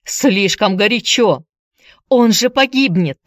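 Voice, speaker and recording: A woman voicing a desperate young man who shouts urgent commands in a storybook reading. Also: mid-range voice, animated, slow pace, dry recording, studio quality, pitched above the performer's own voice. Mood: urgent shouting.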